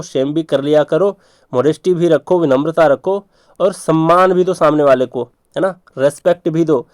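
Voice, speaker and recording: A man's voice: fairly high pitch, a little mellow, no echo. A man teaching vocabulary tricks for exams, repeating points and checking in with rhetorical questions. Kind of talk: exam vocabulary lesson.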